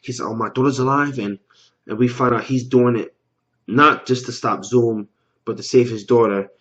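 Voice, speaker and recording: Male vlogger, mid pitch, loose slangy rambler who stumbles and repeats; muffled lo-fi home mic. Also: fairly even intonation, moderate pace, fairly bright tone. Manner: loose and slangy, swears casually. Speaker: TV episode reaction vlogger. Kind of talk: casual spoken episode recap.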